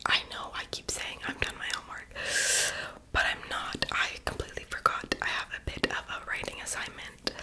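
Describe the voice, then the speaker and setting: A young woman doing a whispered role-play in a breathy, unvoiced ASMR whisper with tingly mouth sounds. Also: poor audio. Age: young adult. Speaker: ASMR performer playing a friend doing homework and makeup on the listener. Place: small bedroom, indoors.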